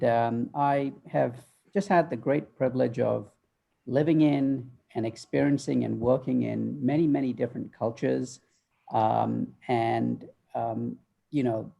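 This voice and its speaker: A middle-aged man, born in Malaysia and raised in the UK, joins a video call from his home office as a guest author on the future of work. He answers thoughtfully, with many ums, in a warm, mid-range voice that is creaky and slightly rough.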